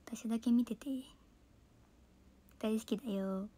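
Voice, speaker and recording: A woman's voice: on the high side, steady tone, unhurried, dark tone. A woman doing a sweet clingy girl voice. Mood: sweetly clingy. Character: sweet clingy young woman reciting cute lines.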